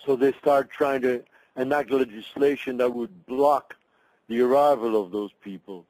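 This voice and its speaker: The interviewee is an older Belgian man, a migration researcher, whose mid-range, slightly mellow voice pauses and restarts as he thinks through his answers. The low-quality recording has no echo.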